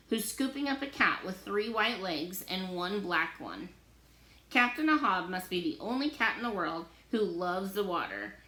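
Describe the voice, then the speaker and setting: A teacher reading a novel aloud to her listeners, giving the story plenty of expression. Her voice is bright and clear, and the room around her echoes noticeably. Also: mid-range voice. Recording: roomy echo.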